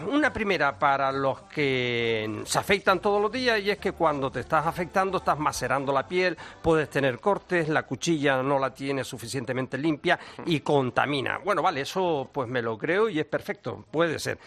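A man's voice: on the high side, sing-song, normal speed, fairly bright tone. A man, an enthusiastic medical expert explaining science on a talk show. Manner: enthusiastic explainer, laughs often.

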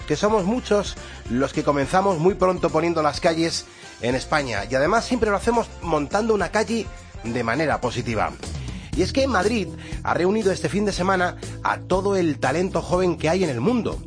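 Congested, duck-voiced Spanish radio man, higher-pitched. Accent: Castilian Spanish. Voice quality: congested, hollow duck-like voice from a cold. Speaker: radio morning show host. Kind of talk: upbeat radio presenting.

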